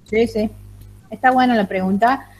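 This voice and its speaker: A woman's voice: a little high, steady tone, normal speed, faint music behind. A woman whose first language is Greek, giving an online lecture on the language to a general audience, hesitant and full of fillers, on a video call. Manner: hesitant, many fillers and restarts.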